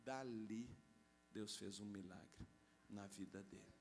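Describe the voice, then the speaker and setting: Animated mineiro pastor, fairly high voice. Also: male voice, normal speed. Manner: animated, conversational, joking with congregation. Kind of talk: storytelling sermon.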